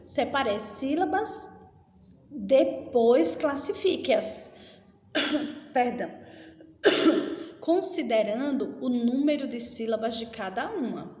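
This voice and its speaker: Woman teacher doing a recorded lesson for kids, slow and patient, echoey room with faint hiss. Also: on the high side, darkish tone. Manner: slow, patient explaining with many check-in questions. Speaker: schoolteacher. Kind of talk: recorded remote lesson for children. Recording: roomy echo with long reverb and faint noise.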